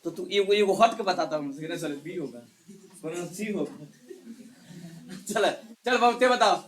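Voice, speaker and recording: A male chemistry teacher in a live class, quizzing students one by one and hushing the noisy ones. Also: high voice, lively intonation, unhurried. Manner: quizzes students one by one, scolds and hushes them. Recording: echoey classroom.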